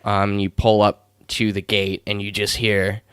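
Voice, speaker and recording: Game master, male, smooth and resonant, scene-setting with lots of fillers. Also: on the low side, completely flat delivery, unhurried, fairly bright tone, dry recording, studio quality. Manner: descriptive with many fillers. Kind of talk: narrating a tabletop game.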